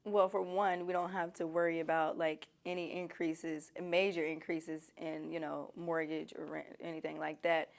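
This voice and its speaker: A woman's voice: sits low, level tone, normal speed, vocal fry, few pauses. A woman giving candid, conversational answers as an interviewee. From Nashville, Tennessee.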